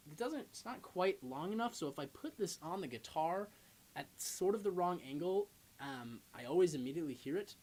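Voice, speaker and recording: A man's voice: medium pitch, a little hiss or hum. A man hosting a casual guitar livestream and chatting with viewers, self-deprecating and full of ums. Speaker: guitar streamer host.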